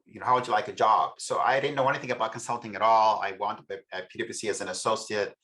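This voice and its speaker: A man's voice: fairly low pitch, steady tone, fast, bright, forceful tone. A middle-aged man from El Salvador, a researcher and author, speaking as a podcast guest in a reflective way with frequent restarts. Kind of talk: podcast interview.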